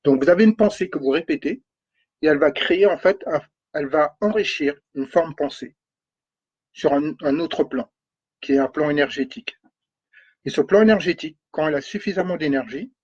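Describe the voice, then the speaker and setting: A man with a fairly high, slightly mellow, husky voice coaches on energy and spirituality, sounding congested from a runny nose. He thinks aloud, repeats words often, and drives his points home with "d'accord?" to check you're following. The spiritual talk comes through a dull, lo-fi recording.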